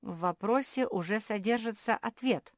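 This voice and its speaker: A woman voicing a tiny, gloomy female jerboa in a storybook, with a squeaky, sulky voice. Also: normal speed, no room sound, studio quality, close to an everyday voice. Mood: glum.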